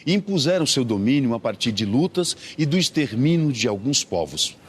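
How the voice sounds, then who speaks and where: A man narrating an educational documentary in a measured, scripted delivery. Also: medium pitch, sing-song, a little hiss or hum.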